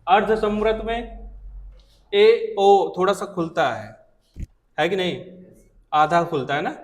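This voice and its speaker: A male teacher lectures a class in a high voice, saying each sound aloud to demonstrate it and stopping often to ask if everyone is following. His voice carries a long reverb off the hard walls of the classroom. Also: slow.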